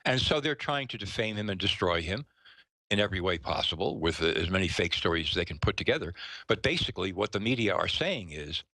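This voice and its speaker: A man in his fifties gives forceful, opinionated talk radio commentary in a rather low voice with a bright, cutting edge. He leans hard on his points and jumps up in pitch when he acts out other people's words. The sound is close and dry. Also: brisk, no room sound, poor audio. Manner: emphatic, with animated acted-out quotes.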